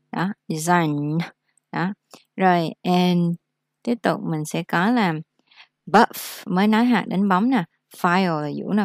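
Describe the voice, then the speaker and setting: A woman gives a casual vocabulary lesson in a lowish voice. She speaks slowly and repeats each word so learners can follow. The sound is dry and close. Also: no echo. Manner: explains slowly, repeats words for practice. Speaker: English teacher.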